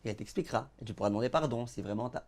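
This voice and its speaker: A man's voice: mid-range voice, racing. A man, a rabbi, giving a Torah lesson to an audience, telling stories and acting out the dialogues. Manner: animated storyteller, acts out dialogues; addresses the audience directly. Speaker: rabbi teaching a class.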